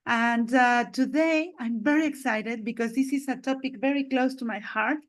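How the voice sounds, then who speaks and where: An enthusiastic woman hosts a video-call interview with a high, bright-sounding pitch. She greets and praises her guest warmly, leaning on fillers as she frames each question. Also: moderate pace. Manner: enthusiastic, repeats "this is amazing". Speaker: host.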